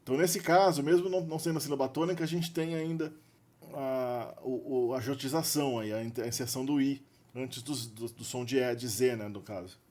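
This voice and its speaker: A man with a Brazilian Portuguese accent talks through a grammar lesson in an easy, unscripted way. He thinks aloud, restarts phrases and keeps checking in with little question tags. His pitch sits in the middle. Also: brisk, a little mellow. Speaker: linguistics video presenter. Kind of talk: unscripted explanatory lecture.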